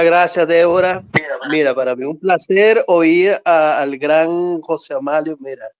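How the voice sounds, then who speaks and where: Guy rambling warmly on a call, a bit high voice, dry sound. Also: no echo. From Venezuela. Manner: warm, rambling, laughing often. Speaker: caller. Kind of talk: casual chat.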